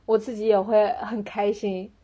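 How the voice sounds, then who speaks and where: A woman's voice: mid-range voice, little pitch movement, normal speed, dark tone, husky. A woman chatting casually in a reflective, earnest and effusive way. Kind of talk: casual chat.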